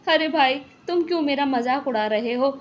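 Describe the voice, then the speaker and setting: A woman's voice: high-pitched, normal speed, slight background noise, lightly acted. A woman doing a panicky greedy shopkeeper man. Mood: pleading. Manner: panicky shouting, pleading. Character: greedy frightened male dhaba owner, middle-aged. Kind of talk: cartoon voice acting.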